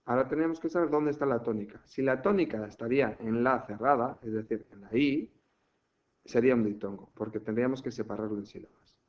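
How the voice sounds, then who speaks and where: A man's voice: medium pitch, a little fast. A man from teaching a language lesson, patiently explaining step by step and checking in often. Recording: muffled lo-fi home recording.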